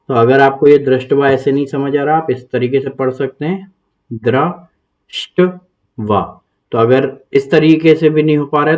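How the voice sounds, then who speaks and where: A man's voice: mid-range voice, darkish tone. A man, hosting his channel and patiently explaining and reciting a Sanskrit verse step by step. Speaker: Gita teacher, channel host.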